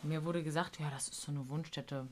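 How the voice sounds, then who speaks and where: Casting: woman, low voice, slangy storyteller, casual podcast co-host. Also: brisk, a little hiss or hum. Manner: animated storytelling, acting out quotes, slangy. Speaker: podcast co-host, care worker.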